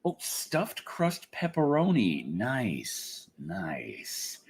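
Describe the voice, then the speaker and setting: Extremely slow and breathy-edged, this man's fairly low voice swoops through huge pitch swings as he hosts a laid-back stream. The internet personality responds to viewers off the cuff, meandering and frequently repeating himself.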